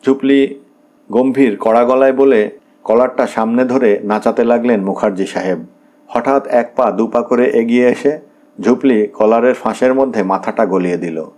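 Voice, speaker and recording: A man's voice: mid-range voice, moderate pace, a little mellow. A man narrating a classic short story in a scripted reading, lightly shading the characters' lines as he goes.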